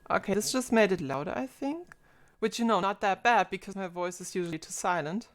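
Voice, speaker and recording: A woman in her twenties, animated and fairly quick with a mid-range voice, is live streaming from home. Talking casually into a desk microphone, she thinks aloud while working out her setup.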